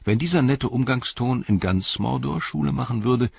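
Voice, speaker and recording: A loyal young hobbit servant makes wry, plain-spoken remarks in a husky, slightly raised voice, as a male reader puts him on. The sound is dry and a little dull. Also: medium pitch, animated, normal speed, darkish tone, no echo, voice pushed up, exaggerated voice.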